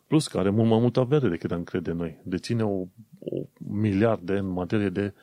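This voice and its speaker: Young Romanian man, host, deep mellow voice, chatty and rambling, dry close sound. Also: no room sound. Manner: chatty, thinking aloud with many fillers and self-corrections. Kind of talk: casual commentary.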